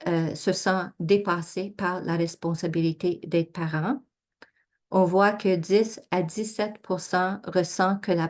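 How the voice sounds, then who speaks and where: With a lowish voice, this female researcher walks through slides to present her study findings. Her academic delivery is measured but full of hesitations and self-corrections.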